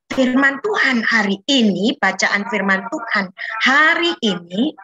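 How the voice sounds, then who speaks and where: Over a video call, a woman with a high, sharp voice teaches a children's Bible lesson as a Sunday school teacher. She patiently coaxes the kids along with questions.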